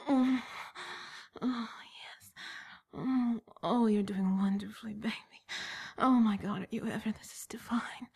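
Breathy whispering woman, high voice. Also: darkish tone. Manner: breathy whispering broken by moans. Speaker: erotic audio performer. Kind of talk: whispered erotic roleplay.

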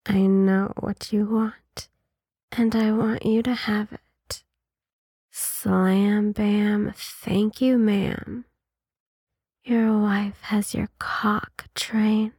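A woman in an intimate adult ASMR role-play, speaking in a sultry, teasing, breathy way like a seductive narrator. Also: mid-range voice, little pitch movement, very slow, darkish tone, no echo, studio quality. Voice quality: husky, breathy.

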